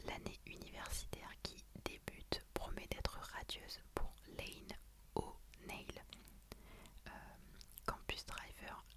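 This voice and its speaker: A woman whispers throughout in a hushed, library-quiet ASMR style. Her voice is soft and breathy, almost entirely unvoiced, as she talks through books and reads their blurbs. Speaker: ASMR creator. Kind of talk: whispered ASMR book wishlist, reading out blurbs.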